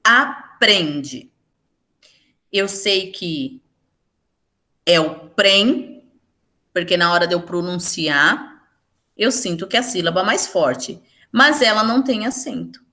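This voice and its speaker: A woman teaching a Portuguese grammar lesson for exam preparation, explaining step by step and slowing down to stress example words. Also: on the low side, pushed and bright. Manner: explains step by step, often checking in with "certo?".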